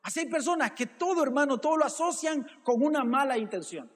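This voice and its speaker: Preaching in a church hall full of long reverb, this pastor has a strikingly high voice and an animated, fairly quick delivery. He keeps addressing the congregation as brother and poses rhetorical questions.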